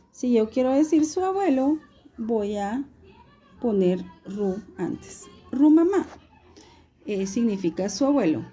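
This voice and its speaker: This woman's voice sits on the high side yet has a very dark, mellow, husky tone as she teaches a recorded video lesson. She talks in a slow, patient, steady way, asking her students questions while explaining.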